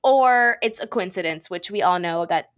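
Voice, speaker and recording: A woman's voice: lowish voice, moderate pace. A woman in her twenties co-hosting a podcast in casual chat, reading out news with sarcastic asides. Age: 20s. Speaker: podcast co-host.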